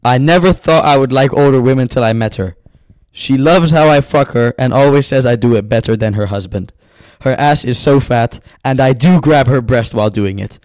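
A man's voice: medium pitch, moderate pace, hardly any pauses, darkish tone, dry recording. A man co-hosting a podcast, bantering casually and reading out confessions in blunt slang, repeating phrases for emphasis. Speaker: podcast co-host. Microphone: close podcast microphone.

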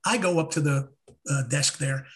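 Animated storytelling man co-hosting a podcast. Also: a little high, moderate pace. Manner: animated storyteller, acts out his own confusion. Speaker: podcast co-host. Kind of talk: casual chat.

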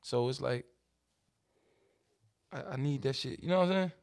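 A man's voice: medium pitch, moderate pace, creaky, darkish tone. A man, a rapper guest, chatting on a podcast in a rambling, slang-heavy way and repeating himself. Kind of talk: casual podcast chat.

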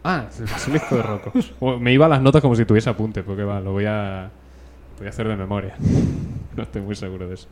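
A man with a Spain Spanish accent co-hosting a casual podcast chat, joking and quick to laugh. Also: fairly low pitch, steady tone, a little mellow. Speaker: podcast co-host.

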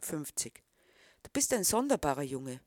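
A woman's voice: low-pitched, very animated, normal speed, a little mellow, dry recording, studio quality. A woman reading the part of a disapproving middle-aged man who questions a boy. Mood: stern.

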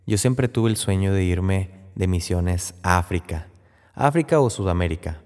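A man's voice: low-pitched, lively intonation, normal speed, a little mellow. A man preaching a Lenten sermon, retelling a Bible story in a conversational way with frequent tag questions. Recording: long hall reverb.

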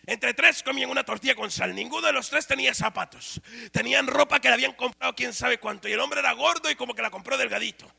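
A male pastor preaching a sermon, moving between quiet storytelling and shouted exhortation. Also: very high voice, quick pace, gravelly, breathy edge.

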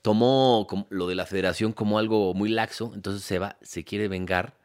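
A man's voice: fairly low pitch, fairly even intonation, moderate pace. A middle-aged man with a Mexican Spanish accent, a sports talk co-host, speaking bluntly and emphatically and swearing freely. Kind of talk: casual football chat.

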